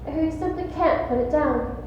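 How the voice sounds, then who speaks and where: A woman's voice: high voice, fairly quick, darkish tone, lo-fi sound, natural voice. A woman on a stage playing a glamorous, affected actress with a theatrical, swooning delivery in a live play. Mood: arch, sweet. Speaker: stage actor. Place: large auditorium stage. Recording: echoey hall, faint room noise.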